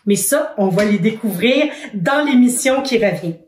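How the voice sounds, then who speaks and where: A woman's voice: on the high side, expressive, moderate pace, a little mellow, far from the mic, a little hiss or hum. A woman with a Québécois accent who teaches young children, patient and encouraging, asking many questions. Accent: Québécois French. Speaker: children's educator. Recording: roomy echoing room.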